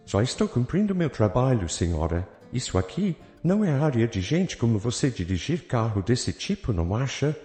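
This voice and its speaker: A man's voice: medium pitch, very animated, normal speed, hardly any pauses, warm tone, lightly acted. A man doing a harsh, curt police sergeant. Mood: sarcastic. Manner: curt, commanding and sarcastic. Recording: echoey, with faint background music.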